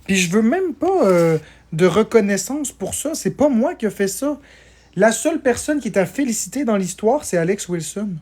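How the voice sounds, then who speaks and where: A man's voice: high-pitched, sing-song, normal speed, a little mellow. A man, tired, chatting casually on a live stream as he answers viewer comments and thanks people for gifts.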